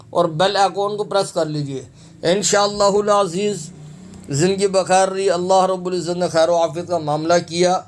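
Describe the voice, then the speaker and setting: High-voiced man teaching Quran recitation. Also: darkish tone. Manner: spells out letters and vowels, then repeats words slowly; asks and answers his own questions. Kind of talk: tajweed lesson with slow drawn-out recitation.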